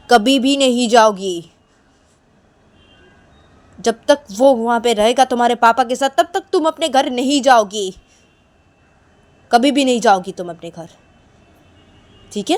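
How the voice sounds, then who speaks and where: A woman voicing a suspicious young woman who nags and accuses in a low, quiet voice, ending her sentences with a questioning "haan?". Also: lightly acted. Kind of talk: one-woman voiced romance story.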